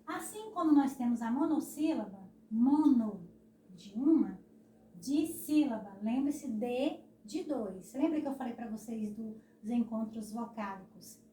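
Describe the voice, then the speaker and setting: A Brazilian woman teaches a recorded lesson, her voice a little high and soft-toned. She drags out words syllable by syllable and keeps checking in with "né?". She sounds set back from the mic in an echoing room with a faint hiss. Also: expressive. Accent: Brazilian Portuguese. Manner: slow, syllable-stressing explanations with frequent "né?". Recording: echoey room, voice from a distance.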